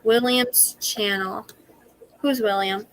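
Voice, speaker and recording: A woman's voice: mid-range voice, steady tone, slow pace, a bit bright. A young woman hosting a casual livestream, enthusiastic and reading viewer comments aloud. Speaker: host.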